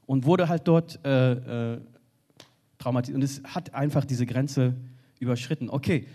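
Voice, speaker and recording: A man speaking earnestly on a panel from a stage, often halting and restarting. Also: mid-range voice, warm tone. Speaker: panel speaker for a refugee organization. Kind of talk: spoken panel contribution. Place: stage in a hall.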